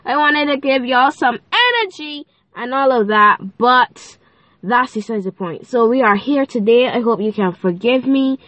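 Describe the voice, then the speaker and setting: On her faith podcast, a teenage girl chats casually, bubbly and playful, full of fillers and giggly asides. Her voice is on the high side, animated, a bit bright and measured in pace, with a lilt, and stuffy and nasal from a cold. She is recorded close up in a dry, dead space with no room sound.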